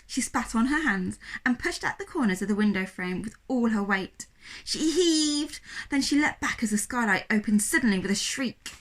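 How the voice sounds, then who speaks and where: A woman reads a children's story aloud in the style of a primary school teacher, using expressive, dramatic narration. Her voice is a little high and her pace moderate.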